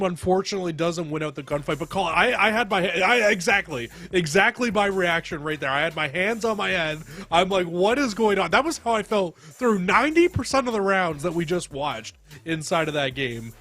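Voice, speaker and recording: A man's voice: high voice, a bit bright. A man giving live esports commentary and analysis as a caster, emphatic and opinionated, stressing points by repetition.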